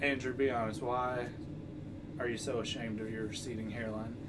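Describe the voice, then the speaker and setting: A man's voice: mid-range voice, level tone, moderate pace. A man co-hosting a casual podcast, teasing his friend with mocking questions. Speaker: podcast co-host. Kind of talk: casual chat. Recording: distant mic with clear background noise.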